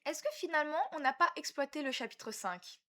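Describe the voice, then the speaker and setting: A woman giving casual commentary on a horror game, reacting excitedly and chatting with her viewers. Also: high voice, a little fast. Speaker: let's play gamer.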